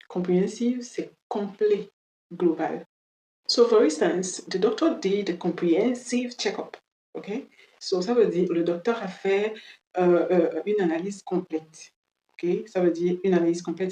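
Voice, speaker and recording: A woman gives a bilingual language lesson in a low, mellow voice, patiently explaining and checking understanding with a frequent "ok?". Her voice sits a little back from the microphone in a roomy, echoing space. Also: distant mic. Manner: explains patiently, often checks "ok?", switches between English and French. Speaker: English teacher.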